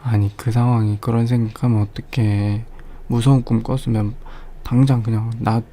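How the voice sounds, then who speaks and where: A man in a whispered role-play, playing a caring boyfriend who soothes his girlfriend after a nightmare, speaking gently and softly into a close mic. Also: medium pitch, flat delivery, moderate pace, a little hiss or hum. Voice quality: soft, breathy, dark and gravelly.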